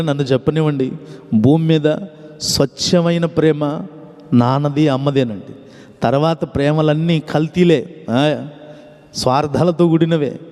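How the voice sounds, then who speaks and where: Guy preaching in a church hall, mellow kinda high voice, acts out the story, echo trails off long. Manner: dramatic storytelling, addresses congregation, voices the characters. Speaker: pastor. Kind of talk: sermon with acted-out story.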